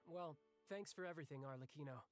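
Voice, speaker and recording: A man's voice: a little high, fast, lightly acted. A man playing a cocky, friendly young fighter in an anime video game, talking in an easygoing, casual way. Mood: breezy. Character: breezy young male fighter, cocky, friendly, eager to spar. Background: faint music.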